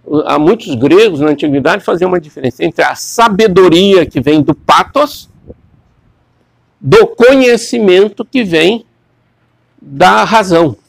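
A man's voice: high-pitched, lively intonation, unhurried, creaky, dry recording. A man giving a classroom lecture, rambling and repeating words as he questions his students.

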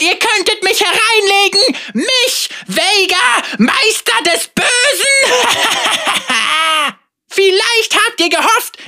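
A woman's voice: very high voice, slight background noise, voice pushed up, heavily acted. A woman playing a shrieking, gloating evil wizard. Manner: cackling, gloating, shouting. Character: vain theatrical male evil wizard, boastful.

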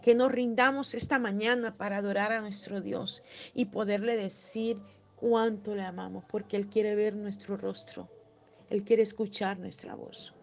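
A woman preaching a devotional sermon in a tender tone, slowing on scripture and crying out when she voices pleas. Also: mid-range voice, fairly even intonation. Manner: tender, rising to loud cries when voicing pleas.

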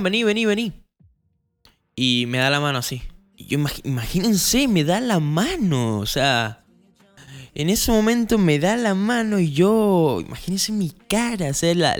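A young man with an Argentine Spanish accent tells a personal story in a casual, animated way, his voice leaping upward as he acts out each moment. His voice is smooth and clear and sits a little high. Faint music plays underneath. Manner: animated, acts out scenes with rising pitch.

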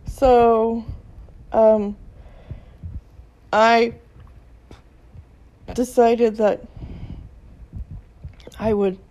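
A woman's voice: level tone, drawn-out words, pauses often, mellow. A middle-aged woman at home, sounding tired and sick, talking in a meandering, casual way with many ums and trailing sentences. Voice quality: gravelly, low-energy. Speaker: vlogger. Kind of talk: casual rambling monologue. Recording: dull lo-fi recording.

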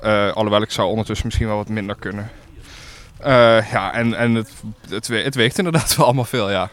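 A man's voice: fairly low pitch, fairly quick. Man, diver, explaining gear, matter-of-fact, outdoors by a lake.

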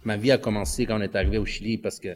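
A man's voice: on the low side, steady tone, rapid-fire, a little mellow, a little hiss or hum. A man with a Quebec French accent telling his story in a casual conversation, slipping English slang into his French. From Canada. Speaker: guest.

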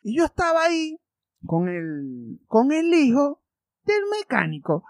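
A man with a Maracucho Venezuelan accent telling crude comedic stories as a vlogger, animated and profane, with sudden loud outbursts. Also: extremely high pitch, measured pace, dry recording. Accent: Maracucho Venezuelan Spanish. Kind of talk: comedic storytelling.

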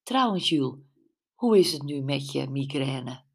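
A woman reading the lines of a calm, organizing yoga teacher in an audiobook. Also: rumbling low, unhurried, husky, heavily acted. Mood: brisk.

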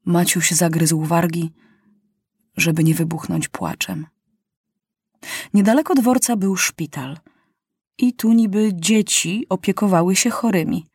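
A woman narrates a story in a measured, expressive audiobook reading. Her pace is slow and her voice has a soft breathiness. The recording is close and dry. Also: medium pitch, no echo.

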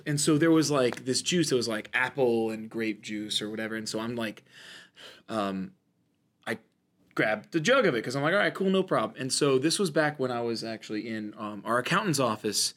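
A man co-hosting a podcast in casual comedic chat, telling stories in an animated, joking way and mimicking inner thoughts. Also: medium pitch, moderate pace. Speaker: podcast co-host. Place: indoors, in a church.

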